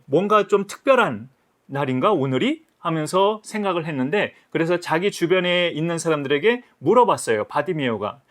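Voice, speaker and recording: High-voiced man preaching to children. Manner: gentle, addressing children as friends. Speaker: Sunday school preacher. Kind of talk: children's sermon storytelling.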